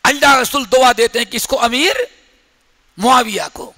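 A man preaching a sermon in a mosque, telling stories dramatically and swinging between whispers and shouts. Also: very high voice. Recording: echoey hall reverb.

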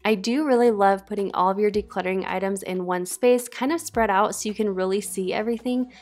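A woman's voice: medium pitch, fairly even intonation, a little fast, darkish tone. A young woman narrating her home decluttering vlog in a chatty, encouraging voice-over, often repeating words for emphasis. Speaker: home cleaning vlogger. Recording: faint background music.

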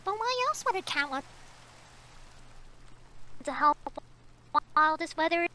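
A woman's voice: extremely high pitch, animated, measured pace, bright, forceful tone, heavily acted. A woman playing a suspicious young clan she-cat who speaks in a skeptical, questioning way.

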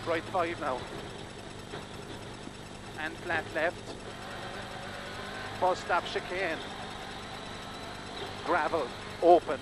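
A male rally co-driver reading rapid pace notes in terse, clipped calls of directions and numbers inside a moving car. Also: a little high, steady tone. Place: inside a rally car at speed on country lanes. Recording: very loud car engine noise. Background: loud engine and vehicle noise.

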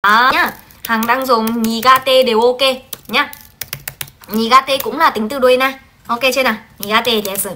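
A woman teaching a Japanese translation class on a livestream, lively and coaxing, often checking in with her students. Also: on the high side, normal speed, slight background noise.

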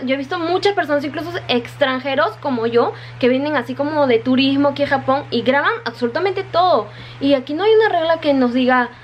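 Chatty high-voiced woman vlogging. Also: muffled recording, a little hiss or hum. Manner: chatty, repeats words, often says "chicas". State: wet from the rain. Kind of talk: casual vlog to the camera. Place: her home in Japan.

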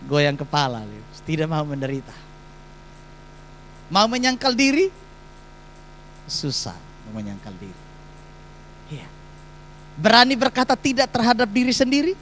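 Lively male pastor preaching. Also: sits high, moderate pace, long pauses, slight background noise, poor audio. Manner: emphatic, rhetorical questions to the congregation. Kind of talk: sermon. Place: church.

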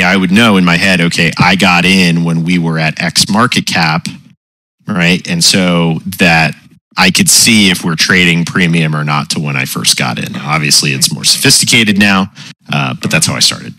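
A man hosting a community call through a voice changer that pitches his voice very deep, chatting casually and checking in with "right?" and "you know". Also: moderate pace, no echo. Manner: relaxed, explains with frequent "right?" and "you know". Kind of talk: casual chat.

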